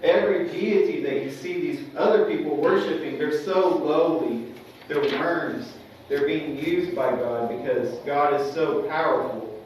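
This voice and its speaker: A man's voice: on the high side, measured pace, few pauses, a little mellow, slight background noise. A young man teaching a Sunday school class in a conversational way, often checking for agreement from the class. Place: church classroom. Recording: echoey room, mic at a distance.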